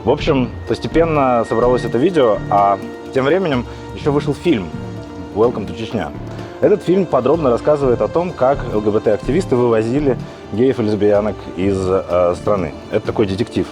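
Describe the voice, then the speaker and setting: A man, the journalist host, narrating a documentary in a measured, reflective way and asking questions. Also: medium pitch, lively intonation. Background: music.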